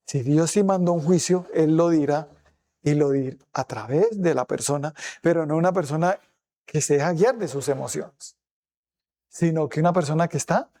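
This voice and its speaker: A man's voice: on the high side, warm tone. A male pastor preaching a sermon, asking his listeners rhetorical questions. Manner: asks the congregation rhetorical questions; acts out quoted speech in changed voices.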